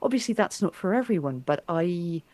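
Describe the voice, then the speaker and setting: A woman's voice: on the low side, animated, moderate pace, a little mellow, no echo. A woman interviewer in a casual conversation, reflecting thoughtfully and restarting her sentences as she thinks.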